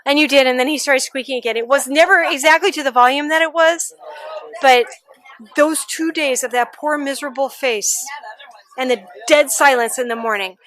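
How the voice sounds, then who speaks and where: A woman telling lively, laughing stories about her cat in a casual interview. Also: high voice, moderate pace. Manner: animated, laughing storyteller. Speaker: interviewee, pet owner. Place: outdoor adoption event.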